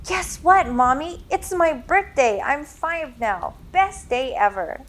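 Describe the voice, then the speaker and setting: A woman reading a storybook, voicing an excited five-year-old boy who pleads in a high, bouncy way. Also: slow, exaggerated voice.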